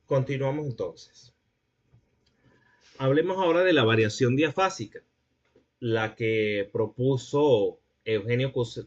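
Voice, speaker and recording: A man's voice: medium pitch, dull audio. A man giving a classroom lecture, explaining points and checking that students follow.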